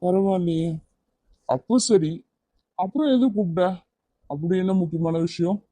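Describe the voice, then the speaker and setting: A man's voice: high-pitched, normal speed, mellow, no echo. A man voicing an evasive young man who gets defensive and irritated when questioned, in a cartoon. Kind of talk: cartoon voice acting.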